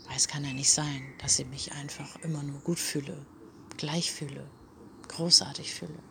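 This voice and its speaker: A woman speaking in a personal, reflective monologue, often dropping into a soft half-whisper and talking straight to the listener. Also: deep voice, fairly even intonation, moderate pace, vocal fry, noisy background. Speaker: self-help speaker.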